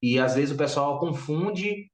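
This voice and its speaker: A talkative man with a Brazilian Portuguese accent hosts a casual podcast chat, piling on fillers as he goes. His voice sits fairly high. He sounds set back from the mic, in an echoey room. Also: normal speed, far from the mic. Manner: animated, talkative, many fillers. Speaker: podcast host.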